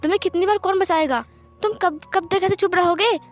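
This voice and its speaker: A woman voicing a hot-tempered schoolboy who scolds his bullied friend in a raised, shouting voice. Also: sits high, steady tone, normal speed, soft background music, natural voice. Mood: angry scolding.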